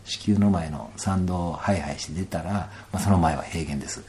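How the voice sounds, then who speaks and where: A man with a Kansai accent telling a personal story in a casual interview, animated and laughing often, sometimes dropping to soft asides. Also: low-pitched, brisk, a little hiss or hum. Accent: Kansai Japanese.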